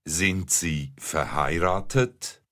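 Deep, very slow male lesson voice. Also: fairly bright tone. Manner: clear, careful enunciation for learners. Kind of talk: slow scripted language-lesson reading.

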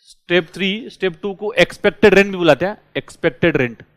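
A male teacher runs a lively lecture, firing questions at his class. His voice sits a little high and comes across clean and resonant. The recording is dry and close. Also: brisk, no room sound. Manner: lively, drills students with repeated questions.

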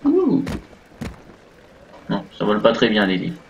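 A man's voice: lowish voice, huge pitch swings, a little slow, vocal fry, recorded from a distance, dull audio, a little hiss or hum. A man giving casual live commentary while playing a horror game, thinking aloud with many fillers. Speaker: gaming streamer. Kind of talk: live let's play commentary.

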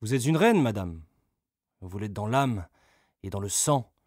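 A man's voice: fairly low pitch, lively intonation, unhurried, dry recording, studio quality. Man voicing a raging, blustering medieval lord. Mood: persuasive. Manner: loud, coarse and vehement. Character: brawny furious medieval male lord, blustering.

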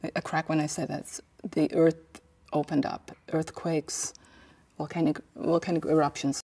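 A woman's voice: sits low, level tone, normal speed, creaky, mellow. A middle-aged woman, an artist giving a reflective documentary interview and searching for her words. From Iceland. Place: large indoor hall.

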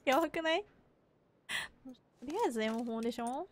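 A woman's voice: high-pitched, a little fast, a little hiss or hum. A woman with a Kansai accent, chatting casually and rambling to herself while live-streaming a game. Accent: Kansai Japanese. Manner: rambling self-talk between game remarks.

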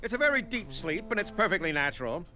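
A pompous walrus doctor in a cartoon, deadpan and ponderous. His pitch rolls up and down, with music clearly behind him. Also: fast talker, heavily acted. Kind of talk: cartoon voice acting.

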